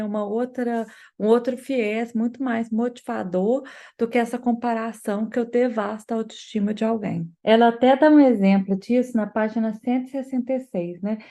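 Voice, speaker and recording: A woman with a slightly high voice talks through a book in a relaxed, explanatory way. She keeps asking small tag questions and slips into quoted parent remarks as she makes her points. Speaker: book club host and psychologist. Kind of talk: casual discussion of a book.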